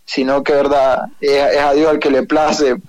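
On a phone interview, a young Honduran-accented footballer speaks as a guest, hesitant and full of fillers, often invoking religious phrases. He has a fairly high, darkish voice with little pitch movement, and he talks a little slowly.

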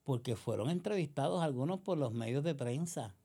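Animated and fairly quick, this woman speaks in a rumbling low, mellow voice with a breathy edge. A political commentator with a Puerto Rican accent, she delivers a combative, sarcastic and accusatory monologue loaded with rhetorical questions.

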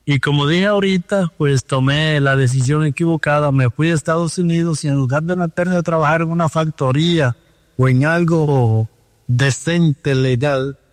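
A Dominican man speaks earnestly down a phone line, recounting his past. His voice sits a bit high and carries a long reverb. The close sound is otherwise dry. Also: moderate pace. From Dominican Republic. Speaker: guest. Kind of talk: testimony over the phone.

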